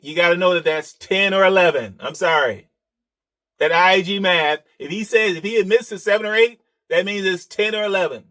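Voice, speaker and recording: A man's voice: high voice, pushed and bright. A man giving sarcastic reaction commentary on another channel's video, often chuckling at his own jabs.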